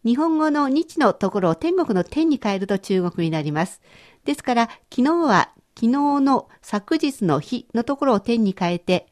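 A Japanese woman teaching a radio language lesson, explaining patiently and clearly. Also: fairly high pitch, very animated, moderate pace, darkish tone.

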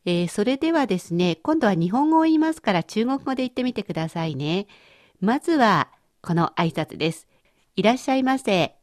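A woman leading a radio language lesson who explains words clearly and patiently. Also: mid-range voice, animated, a little fast, a little mellow, no room sound, studio quality. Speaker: language teacher.

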